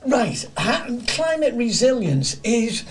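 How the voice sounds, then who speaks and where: A man's voice: extremely high pitch, big pitch swings, slow. A middle-aged man with a Liverpool accent, chatting as an interview guest in a studio and telling stories, often repeating words as he starts. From Liverpool area, England. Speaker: guest, community garden director. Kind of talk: casual interview chat.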